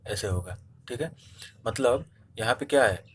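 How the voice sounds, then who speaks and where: A man's voice: medium pitch, expressive, normal speed, a bit bright, a little hiss or hum. A man teaching a spelling lesson for exam preparation, explaining step by step and answering his own questions. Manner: repeats "theek hai" often. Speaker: Hindi teacher. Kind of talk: online exam-prep lesson.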